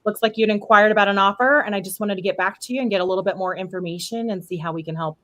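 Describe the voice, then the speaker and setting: A woman leaving a brisk, upbeat voicemail for a property seller, ending with a callback number. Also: mid-range voice, fairly bright tone. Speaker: real estate caller returning seller leads.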